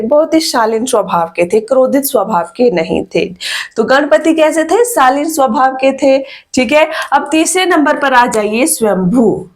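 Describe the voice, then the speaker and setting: A woman teacher giving an exam-prep lesson, repeating questions to her students and checking in with "okay" after each point. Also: high-pitched. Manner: repetitive teacherly questioning, frequent "ठीक है" and "okay".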